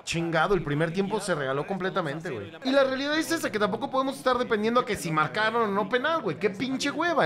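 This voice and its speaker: A young Mexican man reacting to a football match as it plays, cursing freely and yelling at the screen. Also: sits high. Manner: profane, excitable, shouts at the screen. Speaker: football fan reaction host.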